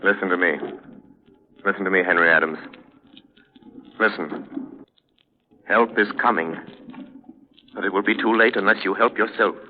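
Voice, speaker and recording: An actor playing a grim, commanding mystery crime-fighter in an old radio drama, speaking solemnly in deliberate, formal, theatrical phrases. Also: male voice, sits low, lightly acted. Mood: urgent. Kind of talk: 1930s-40s radio drama acting. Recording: muffled, phone-like old radio recording.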